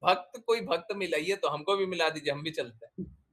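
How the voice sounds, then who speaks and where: Bright-voiced man giving a spiritual talk. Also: fairly high pitch, moderate pace. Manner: emphatic, repeats phrases, asks rhetorical questions. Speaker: spiritual teacher. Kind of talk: devotional talk answering questions.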